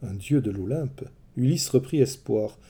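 A man telling a mythology story in scripted, expressive narration. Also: mid-range voice, a little slow, breathy edge.

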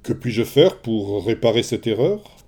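A man voicing a proud, quick-tempered male warrior king who gives loud, commanding outbursts in a storybook reading. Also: medium pitch, big pitch swings, slightly rough.

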